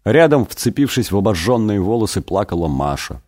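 A man reading a satirical story aloud as an audiobook, wry and expressive. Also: fairly low pitch, a little fast. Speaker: reader. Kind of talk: audiobook narration.

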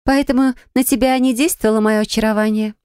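A woman's voice: on the high side, steady tone, quick pace, a little mellow, clean tone, no echo, studio quality, pitched above the performer's own voice, close to an everyday voice. A woman voicing a spoilt, indignant young woman in acted audiobook dialogue. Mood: pouty. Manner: indignant, pouty. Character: spoilt, haughty blonde young woman cabin-mate.

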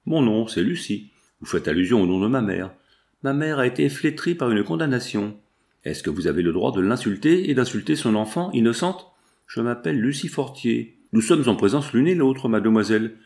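A man's voice: medium pitch, expressive, normal speed, a little mellow, lightly acted. A man voicing a proud, defiant young woman seamstress, pleading with passion as he reads a novel aloud. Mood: indignant. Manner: impassioned, indignant pleading.

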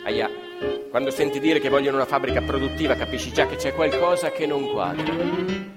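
In radio theatre, a man narrates dramatically as an actor-storyteller, declamatory and full of rhetorical questions and repetitions. His voice is medium-pitched and a little fast. The reverberant hall carries live music behind him, with violin and plucked strings.

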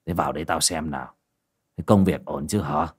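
A man voicing a gruff, worried old village father in a low, slow voice, in a spoken horror tale.

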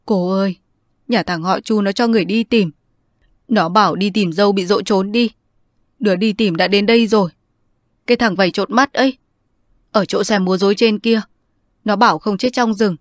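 A woman's voice: medium pitch, a little fast, few pauses, no room sound, clean studio sound, close to an everyday voice. A woman voicing a hot-tempered young man who speaks harshly and bluntly in a storybook reading. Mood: desperate.

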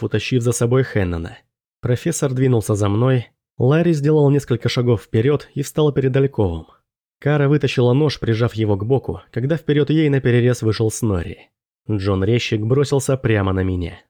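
A man narrating a first-person fantasy audiobook in a measured, steady storytelling manner. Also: mid-range voice.

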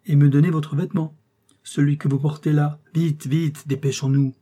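A shrewd, self-assured detective gives quick orders in a dark, slightly husky voice, as a male reader puts him on. He sounds commanding and brisk, a little raised above the narration. It is an audiobook-style storybook reading. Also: fairly high pitch, little pitch movement, lightly acted. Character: shrewd confident male police detective in disguise.

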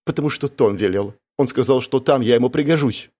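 A man's voice: mid-range voice, a little fast, warm tone, husky, pitched above the performer's own voice, close to an everyday voice. A man doing a tearful, frightened young woman. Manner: pleading, breathless swearing.

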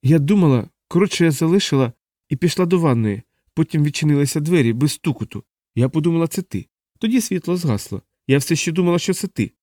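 A man voicing a frightened young woman in an audiobook, who speaks in halting, fearful bursts. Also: fairly high pitch, animated, mellow, dry recording, studio quality, pitched above the performer's own voice, lightly acted. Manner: breathless, halting, fearful retelling.

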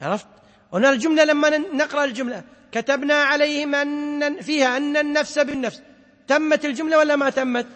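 A man with a strikingly high voice gives a classroom lecture as a sheikh. He stops to quiz his students and draws out quoted verses slowly. His voice trails off in a long reverb, as if he is speaking in a large hall or mosque. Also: a bit bright. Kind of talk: classroom lecture explaining a poem on Quran sciences.

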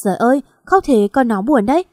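A woman's voice: on the high side, lively intonation, fast talker, mellow, no echo, clean studio sound. A woman voicing a startled hospital nurse who fusses and coaxes a crying patient. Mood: fussing. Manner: fussing, coaxing.

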